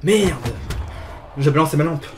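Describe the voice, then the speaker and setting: Chatty gamer guy, slightly high voice. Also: a little slow, a little hiss or hum. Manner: chatty, filler-heavy, repeats "tout simplement"; excited yelps during fights. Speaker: gaming video host. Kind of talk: casual let's play commentary.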